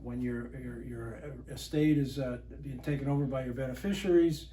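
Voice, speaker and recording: A man who works as a financial advisor, calmly explaining money planning in a casual chat. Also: medium pitch, normal speed, a little hiss or hum.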